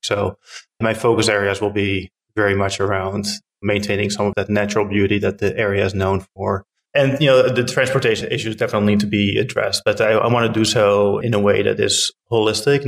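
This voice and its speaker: A middle-aged man from the Netherlands, a town council member answering interview questions earnestly with frequent fillers and restarts. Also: fairly low pitch.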